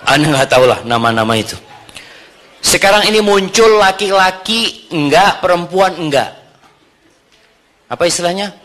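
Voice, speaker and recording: A man's voice: high-pitched, lively intonation, normal speed, long pauses, sharp tone. Man preaching, quizzing his listeners. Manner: engages the audience with questions. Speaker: Islamic preacher. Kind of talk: sermon to a congregation.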